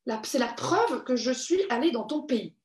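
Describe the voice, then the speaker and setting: A woman's voice: high voice, lively intonation, normal speed, a little mellow. A woman hosting a live online creative workshop for children, cheerful and encouraging as she reads out viewers' comments. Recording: echoey room.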